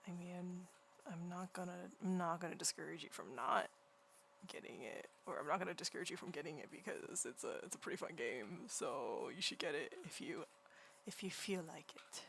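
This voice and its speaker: A woman livestreaming while she draws, chatting casually in a quiet, soft, near-whispered voice and rambling through many restarts. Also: fairly low pitch, moderate pace, gravelly, a little hiss or hum. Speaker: livestreaming artist. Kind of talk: casual chat while drawing. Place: home room beside a partner who is gaming.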